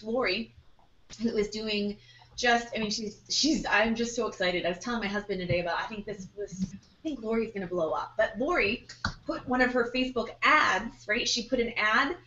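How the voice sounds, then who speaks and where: Excitable chatty woman, fairly high voice, roomy echo, dull lo-fi sound. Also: a little hiss or hum. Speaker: co-host. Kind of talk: casual live webinar chat. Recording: echoey, distant, dull lo-fi audio.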